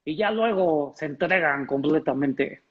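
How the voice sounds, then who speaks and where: A man voicing a cocky, earthy, boastful womanizer puppet with a high voice and an R he cannot pronounce. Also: a little slow. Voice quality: high-pitched. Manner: cannot pronounce R, speech impediment. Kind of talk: comic improvised character interview. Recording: dull lo-fi sound.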